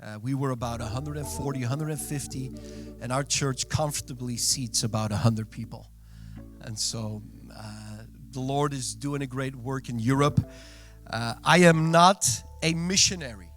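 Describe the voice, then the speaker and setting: A man's voice: mid-range voice, normal speed, soft background music. Belgian-accented man preaching a sermon. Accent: Belgian Dutch. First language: Dutch. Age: 30s. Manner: earnest preaching, warm asides to the congregation. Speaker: guest pastor. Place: church sanctuary.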